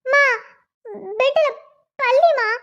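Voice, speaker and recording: A woman's voice: extremely high pitch, steady tone, very slow, muffled recording, heavily acted. A woman voicing a fretful young woman who talks to herself in a cartoon.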